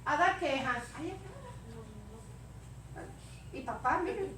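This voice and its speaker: A woman preacher giving a lively sermon, acting out scenes and stammers for the congregation. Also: high-pitched, drawn-out words. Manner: animated, acts out stammering and scenes. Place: church. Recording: echoey church room, mic far off, faint noise.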